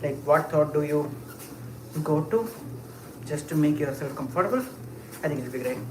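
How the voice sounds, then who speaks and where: Expressive and medium in pitch, the livestreamer talks at a normal speed while walking through an echoey space full of clear ambient noise. They ramble through casual live chat, musing aloud with frequent fillers and quick laughs as they answer viewers.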